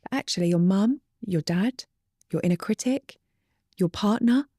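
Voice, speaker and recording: A woman relationship coach talking as an interview guest, earnest and teaching, sometimes dropping to a soft, whispery emphasis. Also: mid-range voice, normal speed, no echo, studio quality.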